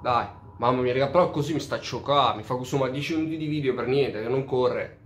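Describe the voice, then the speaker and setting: A man's voice: mid-range voice, fast, soft background music. A man giving casual let's play commentary, swearing freely and openly baffled by the game. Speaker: gamer. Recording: roomy echo.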